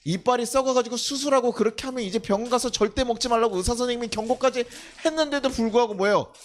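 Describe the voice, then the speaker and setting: A man's voice: very high voice, fast talker. A young man preaching at a night service as pastor, talking with the congregation, asking rhetorical questions and sometimes acting out scolding a child. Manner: acts out scolding a child with loud outbursts. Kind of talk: sermon.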